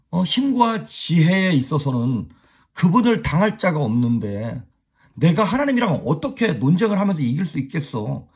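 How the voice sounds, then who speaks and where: Husky, lively male pastor. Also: a little high. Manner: animated, chuckles, speaks straight to viewers. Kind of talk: casual devotional sermon.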